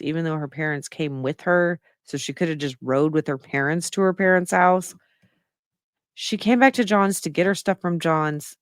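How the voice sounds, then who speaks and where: A woman's voice: on the low side, clear, resonant tone, dry recording, clean studio sound. A woman giving casual spoken commentary, opinionated and reasoning her points aloud step by step. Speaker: true-crime commentator.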